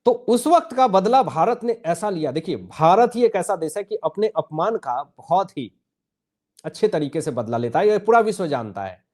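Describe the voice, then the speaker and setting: A man delivers fiery political commentary with a slightly higher voice than most men. He talks in a combative, mocking way and keeps turning to his audience to drive his points home. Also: very animated, normal speed, a little mellow. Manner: combative, mocking, addresses viewers as friends. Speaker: news commentary host. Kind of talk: heated political news commentary.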